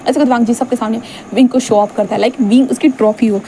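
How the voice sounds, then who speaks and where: Woman storyteller, quick chatty delivery, mellow tone, acts out dialogue lightly, slight background hum. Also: on the high side, steady tone, poor audio. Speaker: fan fiction narrator. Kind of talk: casual storytelling narration.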